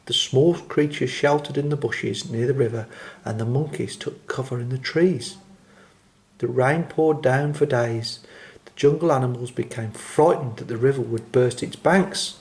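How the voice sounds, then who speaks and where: A man reads a children's story in a gentle, expressive voice of medium pitch. He slows his phrasing to build drama.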